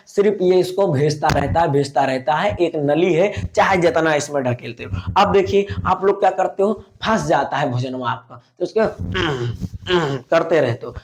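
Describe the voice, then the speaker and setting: A man gives a biology lesson. His voice sits a little high, and he drills terms by asking them back to his students, addressing them fondly as "beta". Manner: repeats key words as questions, calls students "beta". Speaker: biology teacher. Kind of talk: classroom lecture.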